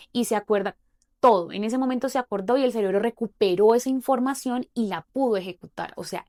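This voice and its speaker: A young woman gives a relaxed lesson as a speech therapist, leaning on fillers as she works through each step. Her voice sits at a middle pitch. The recording is dry and close, with no room sound. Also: no echo. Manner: chatty, explains step by step, uses many fillers like "o sea". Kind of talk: casual explanatory lesson.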